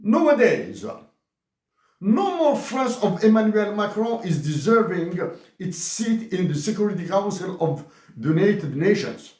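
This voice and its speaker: Reading an open letter, an Algerian man who speaks Tamazight as his first language takes a slow, emphatic approach, occasionally restarting words. He's a commentator with a lively pitch, recorded in an echoey room.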